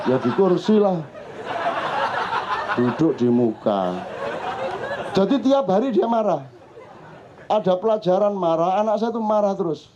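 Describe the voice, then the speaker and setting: A man's voice: high-pitched, expressive, moderate pace, crowd noise, background noise. A middle-aged man with a Javanese accent, telling funny stories to a live audience in a teasing, chatty way. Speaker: speaker at a public discussion forum. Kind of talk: humorous storytelling to a live audience. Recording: muffled lo-fi live recording.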